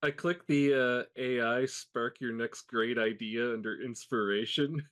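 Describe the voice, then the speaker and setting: A man's voice: medium pitch, unhurried, fairly bright tone. A man co-hosting a casual podcast, giggling a lot and making wry remarks as he reads things aloud. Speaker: podcast co-host. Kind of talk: casual chat.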